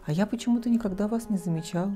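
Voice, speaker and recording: A woman voicing a lonely, kindly old man who speaks softly and gently in a storybook reading. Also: mid-range voice, quick pace, faint music behind, lightly acted. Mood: gentle.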